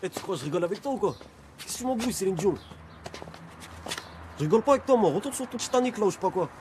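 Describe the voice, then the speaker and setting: A cocky young street guy, talking fast and mocking. His pitch jumps around over loud street noise. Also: lively intonation. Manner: mocking and brash. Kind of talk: film dialogue.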